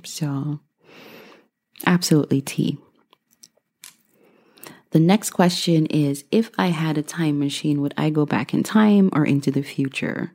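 Woman in her thirties, low and gravelly, mellow tone, dry humor, casual Q&A vlog. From Guyana. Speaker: vlogger.

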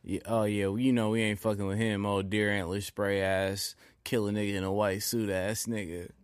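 A man co-hosting a sports podcast in loose, profane casual chat, telling animated stories. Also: on the low side, moderate pace, clean tone, no room sound, studio quality. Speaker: podcast co-host.

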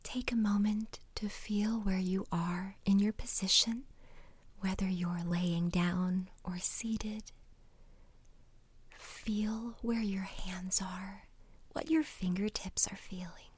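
A woman guiding a relaxation exercise in a soft, soothing ASMR whisper, breathy and gentle, close to the microphone. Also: medium pitch, steady tone. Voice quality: breathy, unvoiced. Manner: slow, unhurried instructing with pauses.

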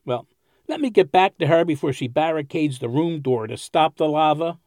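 A chatty, wry resort neighbor, played by a man in an audio drama. His voice sits fairly high and moves around a lot, recorded dry and close. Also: expressive, moderate pace, a little mellow, no echo, lightly acted.

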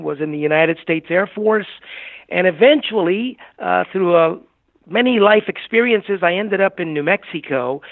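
A man's voice: high voice, no room sound. A man in his seventies, a guest in a conversational interview, telling his story in a gracious, chatty way with some hesitations. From Puerto Rico, raised in Southern California. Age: 70s. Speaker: guest, agency CEO. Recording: tinny phone-like remote line.

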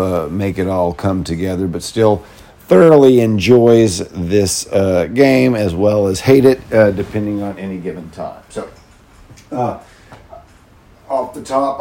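A man with a low, gravelly, worn voice hosting a casual gaming podcast solo, in a meandering, self-deprecating way. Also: mellow. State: voice worn from talking over crowds of children. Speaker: podcast host. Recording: noticeable background noise.

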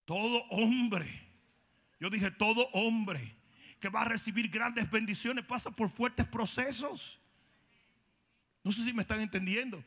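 A man preaching a comic, shouting sermon. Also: high-pitched, fairly even intonation, normal speed, creaky, breathy edge. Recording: long hall reverb.

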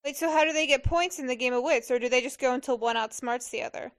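A high-pitched woman reacting to a movie in casual chat. She is expressive and gushing, as if talking to someone beside her. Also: fast talker. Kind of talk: casual film-watching chat.

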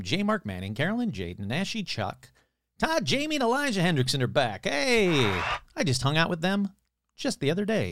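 A man's voice: on the high side, fairly bright tone, no echo, clean studio sound. A man hosting his podcast, chatting casually in a loose, rambling, playful way with some swearing. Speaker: podcast host.

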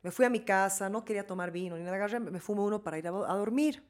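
A woman's voice: mid-range voice, rapid-fire. A middle-aged woman with a Bolivian Spanish accent, chatting casually as a guest and telling candid stories full of restarts and fillers. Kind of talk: casual chat.

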